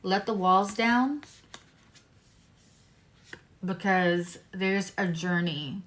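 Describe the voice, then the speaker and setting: A woman's voice: mid-range voice, fairly bright tone. A woman giving a casual live tarot reading in a meandering way, her speech slightly impeded by a swollen tongue. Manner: unhurried, meandering, drifting between card readings and asides. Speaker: live-stream tarot reader.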